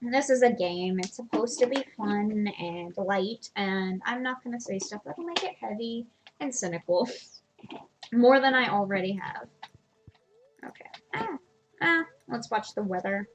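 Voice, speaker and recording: A woman's voice: medium pitch, animated, a little slow, background noise. A woman streamer giving casual, self-deprecating commentary while playing a farming game. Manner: chatty, self-deprecating, laughs at herself.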